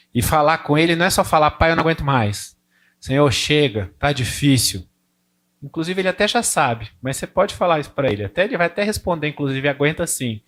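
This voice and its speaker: Pastor preaching in a chatty way. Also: male voice, fairly high pitch, a bit bright. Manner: informal, storytelling, acts out prayers and dialogue with God. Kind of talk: conversational sermon.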